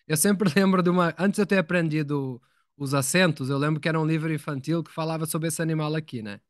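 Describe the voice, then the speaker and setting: A man's voice: on the high side, a little fast, no room sound, studio quality. A man teaching English in a live online lesson, explaining patiently, repeating words and asking his students questions.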